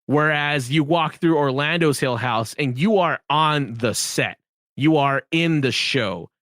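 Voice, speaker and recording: A man's voice: on the high side, a little slow, a bit bright, dry recording, studio quality. A young man as a podcast guest, chatting animatedly and emphatically, laughing often. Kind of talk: casual podcast chat.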